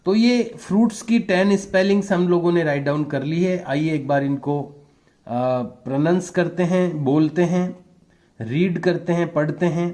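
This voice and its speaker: A man teaching a spelling lesson to young children, spelling words out letter by letter in a patient, deliberate way. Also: a little high, warm tone.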